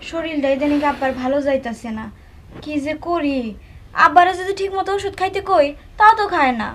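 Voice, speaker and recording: An actress playing an outspoken younger daughter in her young adult years, brisk and confident, speaking with a Bangladeshi Bengali dialect accent. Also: sits high, fairly bright tone. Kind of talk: TV drama acting.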